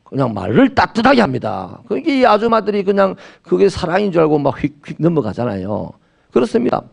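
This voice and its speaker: Lively gravelly Gyeongsang pastor preaching. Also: male voice, high voice, a little fast. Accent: Gyeongsang Korean. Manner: lively, humorous preaching with acted-out dialogue. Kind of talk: sermon.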